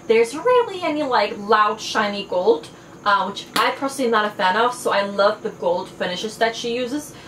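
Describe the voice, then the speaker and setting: A young woman, a fashion and beauty vlogger whose first language is Farsi, chats eagerly through a casual haul video. Her fairly high, slightly bright voice is expressive and moderately paced, packed with fillers. The room is echoey with faint background noise.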